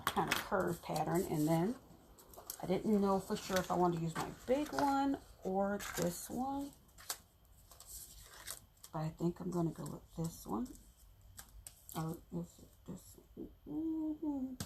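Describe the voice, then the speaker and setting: A woman talks casually to her viewers as she demonstrates a craft project, laughing easily. Her voice has a gravelly fry to it. A faint hiss sits under the recording. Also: medium pitch, darkish tone. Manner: chatty, talks to viewers while working, laughs often. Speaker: crafter explaining her methods. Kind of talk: casual tutorial chat.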